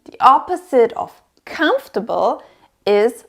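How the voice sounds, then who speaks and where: A woman's voice: a little high, sing-song, measured pace, gravelly, fairly bright tone. A woman presenting to toddlers as if reading to a small child, sing-song and encouraging, asking exaggerated questions and repeating words for them to copy. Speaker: presenter of a toddler learning show.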